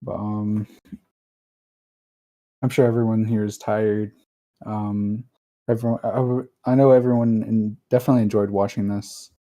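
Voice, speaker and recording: A man commentating a video game race in casual conversation. He rambles through restarts and fillers. His voice sits at a middle pitch with a mellow, relaxed tone. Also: a little slow, pauses often, dull audio.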